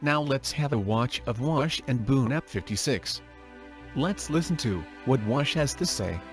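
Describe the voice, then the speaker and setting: A synthetic male robot voice reads a scripted narration in a flat, mock-serious announcing tone. It sits at a middling pitch, neither deep nor high. Faint music plays underneath. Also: a little slow. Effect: robotic text-to-speech voice. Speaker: narrator of a fan-made conspiracy video.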